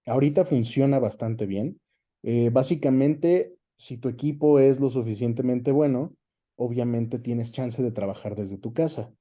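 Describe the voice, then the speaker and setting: A Mexican voice actor and dubbing director, interviewed as a guest, speaks a little slowly in a mid-range, dark-toned voice. He explains in an easygoing, conversational manner and often checks in with brief tag questions.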